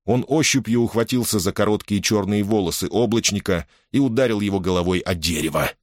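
Very deep-voiced male audiobook narrator. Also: no echo, studio quality. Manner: steady, measured storytelling. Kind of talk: scripted narration of a science fiction novel.

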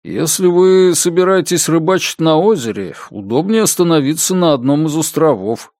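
A man reading the lines of a gruff, plain-spoken older bait shop owner in an audiobook. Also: on the high side, animated, moderate pace, darkish tone, dry recording, clean studio sound, pitched above the performer's own voice. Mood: matter-of-fact.

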